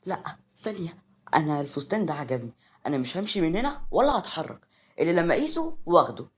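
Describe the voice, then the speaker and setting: ممثل يؤدي شابة ماكرة ولحوحة بلهجة مصرية. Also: male voice, fairly high pitch, big pitch swings, very fast. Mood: pushy. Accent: Egyptian. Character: scheming young woman, pushy and sly.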